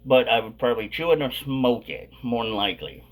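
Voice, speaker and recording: A man's voice: medium pitch, lively intonation, brisk. A man hosting a casual vlog, talking with a dip of chewing tobacco tucked in his lip. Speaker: video host.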